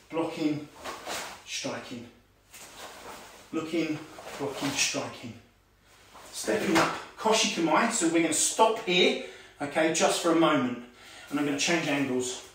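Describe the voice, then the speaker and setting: A karate instructor in his forties, with a fairly bright voice on the high side, teaches an online class from a tiled room at home, describing moves as he performs them, giving commands, and peppering in "okay"s. The camera stands far off, leaving his voice distant and echoey with slight background noise.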